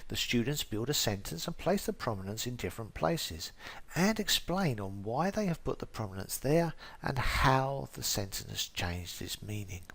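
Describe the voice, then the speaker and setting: A man, an English teacher, reading a prepared explanation as scripted narration in a careful, even way. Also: medium pitch, moderate pace, creaky, no room sound.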